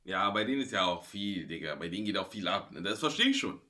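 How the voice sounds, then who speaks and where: Animated bright-voiced man reacting to videos. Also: low voice, quick pace. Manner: slangy, animated, sprinkles in English slang. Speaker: reaction show host. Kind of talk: casual reaction commentary. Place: small indoor streaming room.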